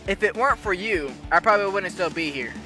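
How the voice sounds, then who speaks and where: A man's voice: sits high, expressive, fast, sharp tone. A man playing a reckless, reluctant young male rebel with an offhand, joking way of talking. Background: music.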